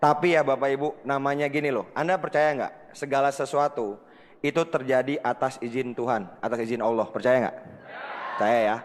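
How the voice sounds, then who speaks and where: A man giving a motivational seminar talk, telling a story and acting out the voices of people in it while speaking straight to the audience. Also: a little high. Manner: animated, addresses the audience again and again, acts out quoted dialogue. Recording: long reverb of a hall.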